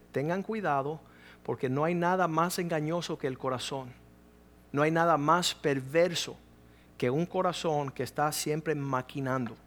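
Animated preacher, a man with a high voice. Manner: animated storytelling, acting out quoted voices. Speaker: pastor. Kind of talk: sermon.

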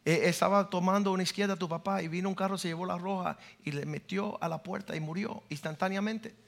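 Man, pastor preaching, high-pitched, gravelly, loud then hushed storytelling. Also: fairly even intonation, fast talker. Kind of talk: sermon with personal stories.

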